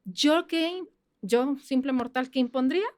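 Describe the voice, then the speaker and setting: A woman with a Mexican accent, a criminologist guest on a podcast, explaining things in a chatty way with quick asides. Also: high voice, darkish tone, no room sound, clean studio sound. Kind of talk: casual podcast interview.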